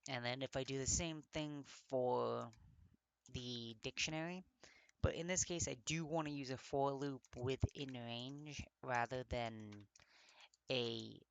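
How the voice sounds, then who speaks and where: A man's voice: mid-range voice, steady tone, measured pace, creaky, clean tone, no room sound. A man giving a casual coding walkthrough, thinking aloud with many fillers and often getting tongue-tied and correcting himself. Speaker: coding tutor.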